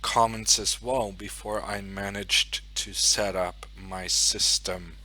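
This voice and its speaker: This young chess streamer from Norway thinks out loud and mutters to himself while getting set up, chatting casually on his live stream with a Norwegian accent. He speaks slowly in a fairly low, steady voice that sounds pushed and bright.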